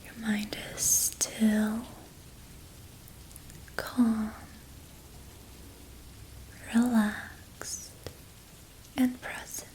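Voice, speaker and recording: In a soft, breathy whisper, a young woman leads an ASMR relaxation, speaking very slowly and evenly in a slightly high, flat, hushed voice. She repeats soothing phrases gently and steadily in an unvoiced whisper. The audio quality is poor.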